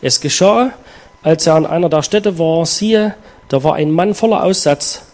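A male preacher with a fairly high voice delivers a sermon. He reads scripture slowly and earnestly, stresses key words and leaves dramatic pauses before explaining the passage. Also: darkish tone. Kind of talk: sermon with Bible reading.

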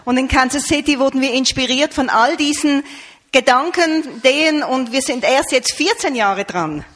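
An interpreter rendering a sermon into German line by line, in an even, matter-of-fact way. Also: high voice, normal speed.

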